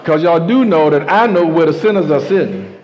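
A man's voice: a little high, expressive, fairly quick. A man preaching a sermon to his congregation, emphatic, with call-and-response. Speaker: pastor. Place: church sanctuary. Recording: muffled sound with a long hall reverb.

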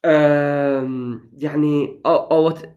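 A man's voice: a little high, fairly even intonation, takes it slowly, narrow, tinny audio. A young man in casual gaming chat, upbeat and enthusiastic, slipping English phrases into his talk. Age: young adult.

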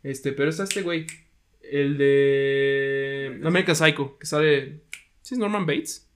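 A man's voice: medium pitch, takes it slowly, slight background noise. A young man co-hosting a casual true-crime podcast, rambling and hesitant with casual swearing. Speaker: podcast co-host.

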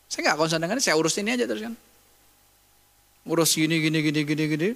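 A man's voice: on the high side, animated, fast talker, a bit bright, big-room sound. A man preaching a sermon as pastor, talking emphatically in a conversational way and asking rhetorical questions.

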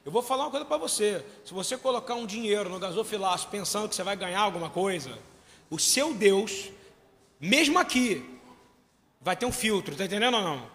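Guy preaching in a big echoey hall, really high bright voice, keeps quizzing the crowd. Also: fairly quick. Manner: animated preaching, questioning the congregation, swelling to shouts. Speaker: pastor. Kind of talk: sermon.

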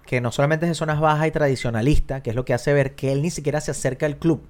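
Animated man discussing films. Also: fairly high pitch, fast talker. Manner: animated, acts out movie lines. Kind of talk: casual film discussion.

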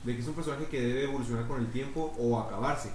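A man's voice: mid-range voice, fast talker, reverberant, a little hiss or hum. A man with a northern Mexican accent, chatting casually and joking, swearing often. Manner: animated, joking, swears a lot, does mocking impressions. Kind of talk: casual podcast chat.

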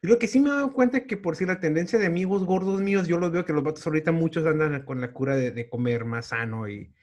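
This forty-something podcast host speaks fast in a fairly high, slightly mellow voice with a Mexican accent. Opening the show and then chatting informally with his guest, he leans on slang and curses freely.

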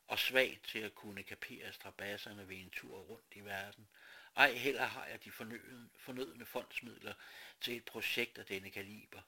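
A man reading a first-person story aloud slowly and dramatically, dropping to whispers and rising to outbursts. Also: on the low side, bright, forceful tone.

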